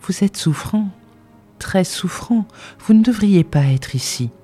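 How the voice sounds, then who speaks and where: A reader plays a tender, grieving woman in deep mourning who pleads in a hushed voice and swells with fervor as she speaks. The tone is mellow and soft-edged, with faint music underneath, as in a storybook audiobook. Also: measured pace, close to an everyday voice. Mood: anxious. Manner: pleading softly, rising with fervor. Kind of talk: audiobook dialogue reading.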